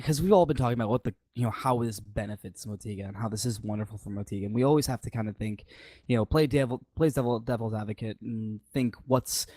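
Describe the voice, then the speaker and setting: A man on a casual community livestream panel, thinking aloud in a measured way. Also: on the low side, dark tone, no echo.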